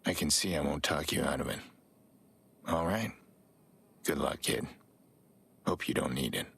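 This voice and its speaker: An actor playing a grizzled, weary middle-aged vigilante in a video game, with a low gravelly growl and a terse, dry, guarded manner. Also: male voice, measured pace, a bit bright, exaggerated voice. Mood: gruff, resigned.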